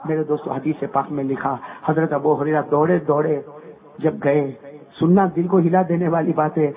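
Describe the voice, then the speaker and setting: A man preaching an emotional storytelling sermon, fervent and repetitive, often rising to shouts and calling on his listeners to answer. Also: a little high, level tone. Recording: tinny, phone-like sound.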